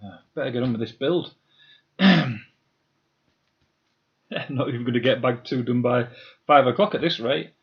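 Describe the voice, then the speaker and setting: A man's voice: medium pitch, normal speed, pauses often, highs cut off. A man chats casually on a live stream while building Lego, muttering to himself and answering viewers' comments. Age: 50s.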